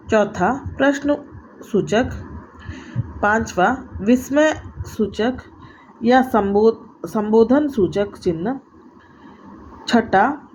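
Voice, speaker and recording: Slow careful woman teaching grammar, kinda high voice, stops and restarts a lot, dull lo-fi audio w faint noise. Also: a little mellow. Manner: slow and deliberate, pausing mid-sentence, restarts with fillers. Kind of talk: explaining a lesson.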